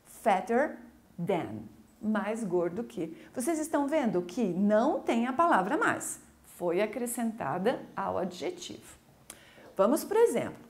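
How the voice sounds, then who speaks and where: A woman English teacher with a Brazilian Portuguese accent, giving a recorded school video lesson in a lively, coaxing way. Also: mid-range voice. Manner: lively, coaxing, slow deliberate explanations.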